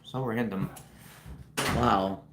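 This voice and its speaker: This Ukrainian man has a lowish, fairly bright voice with fairly even intonation, and he draws out his words. Broadcasting live on his phone from his home kitchen, he greets viewers chattily and explains each step while chopping. The audio carries a roomy echo and background noise.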